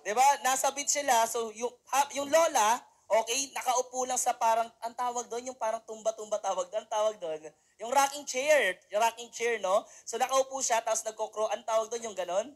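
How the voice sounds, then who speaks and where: A woman's voice: on the high side, fairly quick. Chatty woman motivational speaker. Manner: chatty, keeps asking the audience for responses. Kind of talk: seminar storytelling talk.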